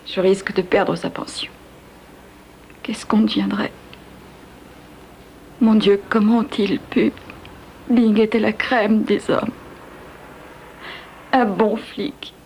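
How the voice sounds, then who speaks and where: A woman dubbing a grieving police officer's widow in a French TV cop drama, speaking softly. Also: medium pitch, fairly even intonation, slow pace, long pauses, a little hiss or hum, low-quality recording. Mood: sorrowful. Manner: soft, sorrowful.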